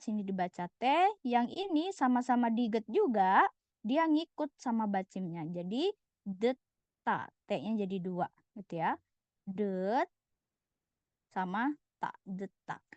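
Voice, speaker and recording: A woman teaching a language lesson, patiently repeating each word slowly for her students. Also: on the high side, a little mellow, no room sound. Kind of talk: slide-based lesson. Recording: dull, lo-fi voice recording.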